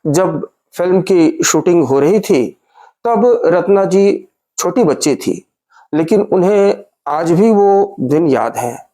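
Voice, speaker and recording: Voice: medium pitch, animated, slow pace, dark tone. A narrator telling a documentary story in scripted voice-over, addressing listeners as friends. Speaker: narrator of a history series.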